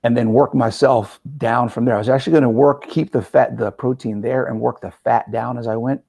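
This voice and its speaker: A man in his forties, a podcast host and metabolic coach, leads a casual interview with energetic, conversational talk full of "right?" asides. His voice is medium-pitched and gravelly, and he speaks fairly quickly.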